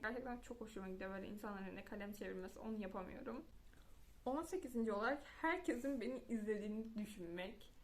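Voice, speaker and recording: A young woman chatting casually to her camera, laughing at herself as she goes. Her voice sits a little high, and her talk is loose and confessional, with frequent false starts. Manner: chatty, self-mocking, with frequent restarts and trailing fillers. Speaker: vlogger.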